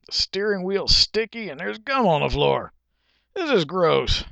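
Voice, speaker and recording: A man voicing a fussy, blunt car buyer who is quick to complain. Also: sits high, very animated, gravelly, sharp tone, dry recording, voice pushed up, exaggerated voice. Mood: disgusted. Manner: blunt, easily disgusted.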